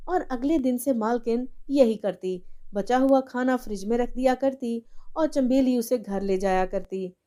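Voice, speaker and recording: Female narrator for a cartoon tale, slightly high, mellow voice, steady delivery. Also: measured pace. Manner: plain, steady storytelling. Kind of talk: storybook narration.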